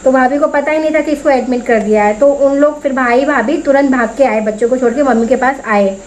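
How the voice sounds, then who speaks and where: A high-pitched young woman from India tells a personal story straight to her camera. She talks in a chatty, lively way and slips into the voices of the people she is quoting. A faint hiss of background noise runs behind her. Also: fairly quick, poor audio. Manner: chatty, animated, acts out quoted voices. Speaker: vlogger.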